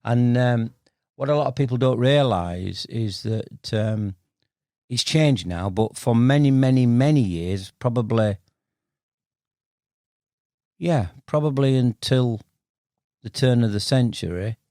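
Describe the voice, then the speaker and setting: A man's voice: medium pitch, slow, pauses often, a little mellow, no echo, studio quality. A man in his sixties from Bradford with a Yorkshire accent, chatting and telling stories as an interview guest in a blunt, matey, colloquial way. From Bradford, Yorkshire, northern England. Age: 60s. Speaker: podcast guest, veteran carp angler. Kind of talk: casual interview storytelling.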